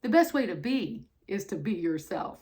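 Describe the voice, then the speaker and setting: A woman's voice: mid-range voice, moderate pace. An older woman, a sweet grandmotherly lady, reading a picture book aloud to children with affectionate, folksy, exclaiming asides. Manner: exclaiming and expressive. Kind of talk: read-aloud storytelling with chatty asides.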